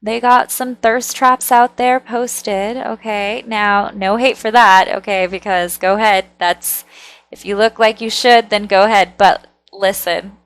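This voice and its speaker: A woman's voice: medium pitch, steady tone, a little slow, fairly bright tone, clear, resonant tone. A woman giving a channeled tarot reading in a chatty, conversational way, often checking in with the listener and speaking with nervous amusement. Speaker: tarot reader.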